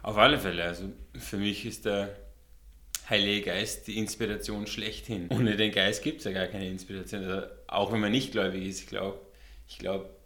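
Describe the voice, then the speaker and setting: A visual artist in his thirties, from Austria and the USA, talks easily as a guest in a relaxed interview, often repeating words and laughing. His Austrian German accent carries a tinge of American English, and his voice is fairly low and a bit bright, with fairly even intonation and moderate pace in an echoey room.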